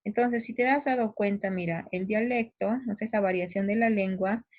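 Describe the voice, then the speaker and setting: A woman's voice: medium pitch, normal speed. A woman teacher from Peru with a provincial Peruvian accent, patiently explaining a lesson to her students, often restarting her sentences and turning to address them directly. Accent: Peruvian provincial Spanish. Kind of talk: recorded class explanation. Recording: tinny phone-like audio.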